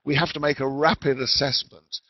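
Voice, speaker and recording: A man giving a measured educational talk over a patchy online call whose sound fades in and out. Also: medium pitch, fairly even intonation, slight background noise. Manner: measured, deliberate explaining. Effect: patchy online call audio that fades in and out. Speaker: webinar speaker. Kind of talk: educational lecture. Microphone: remote call mic. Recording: dull lo-fi call line, dry.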